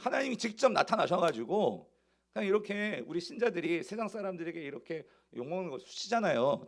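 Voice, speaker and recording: A male pastor preaching a sermon, asking the congregation rhetorical questions. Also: high voice.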